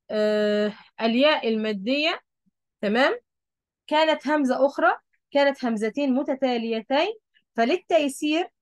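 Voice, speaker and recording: A woman's voice: fairly high pitch, no room sound. A woman with an Egyptian Arabic accent, patiently explaining a Quran recitation rule and checking that her students follow along. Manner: patient, repeats key points, checks understanding. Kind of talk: explaining a lesson at a board.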